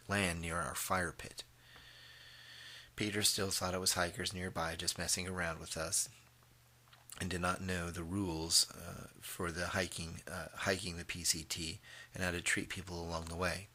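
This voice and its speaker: A man narrating a first-person story, halting now and then with fillers and throat clearing. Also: low voice, sharp tone.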